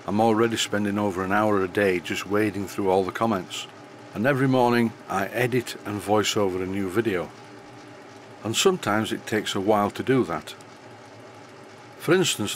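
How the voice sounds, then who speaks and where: An older man with a softened northern English accent, narrating an unscripted workshop tutorial voice-over in a relaxed way with a slight stutter, into a high-end studio microphone. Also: moderate pace, slight background noise. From northern England. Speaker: model engineering tutor.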